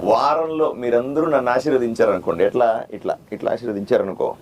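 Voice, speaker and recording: A man, a doctor running for office, giving a repetitive, plain-spoken campaign speech that quizzes the crowd and demands loud answers. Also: medium pitch, expressive, quick pace. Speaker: political candidate and doctor. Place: outdoor neighborhood gathering.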